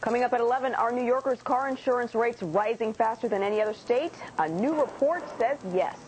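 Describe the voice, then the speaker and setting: A woman's voice: fairly high pitch, fairly quick, darkish tone, slight background noise, rough recording. A woman reading scripted news as a studio anchor.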